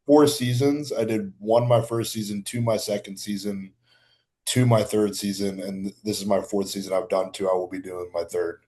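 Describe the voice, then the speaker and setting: A man's voice: lowish voice, steady tone, moderate pace, darkish tone. A man in his late twenties from Baltimore, a guest chatting casually on a podcast in a laid-back, slangy way with frequent restarts. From Baltimore, Maryland. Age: 20s. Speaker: guest bodybuilder.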